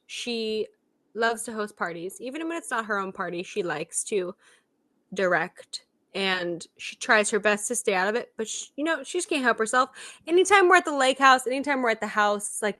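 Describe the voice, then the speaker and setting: A young woman co-hosting a podcast, telling family stories with lots of laughter. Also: a little high. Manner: animated storytelling with laughter. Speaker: podcast co-host. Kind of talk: casual chat.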